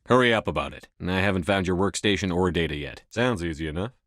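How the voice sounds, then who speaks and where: A man's voice: low voice, animated, quick pace, fairly bright tone, no echo, clean studio sound. A man voicing a resolute military space commander in a video game, speaking in a terse, controlled, authoritative manner. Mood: cold, blunt. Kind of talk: video game dialogue acting.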